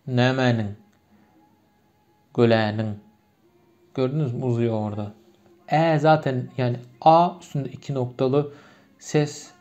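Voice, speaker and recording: A man's voice: mid-range voice, mellow. A man from Turkmenistan with a Turkmen accent, a native Turkmen speaker, patiently explaining grammar with many repeated examples in a lesson. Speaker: language teacher. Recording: muffled lo-fi recording.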